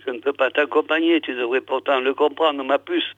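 A man reading the lines of a gentle female robot housekeeper, tender and fussing, over a thin, dry radio sound. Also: mid-range voice, fairly even intonation, fairly quick, no room sound, narrow, tinny audio, lightly acted.

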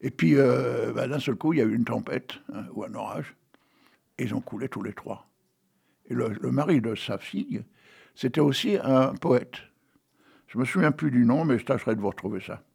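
Older male radio host, raspy and gravelly, recites poetry dramatically and chats to listeners. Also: mid-range voice, lively intonation, moderate pace, darkish tone. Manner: chatty, many asides and fillers, dramatic recitation. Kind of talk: reading poems aloud and chatting to listeners.

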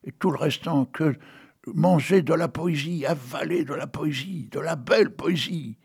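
Older man, gravelly husky voice, radio host, reads poems, chatty asides. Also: fairly high pitch, a little slow, a little mellow. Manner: chatty, many asides and fillers, dramatic recitation. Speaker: radio poetry show host. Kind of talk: reading poems aloud and chatting to listeners.

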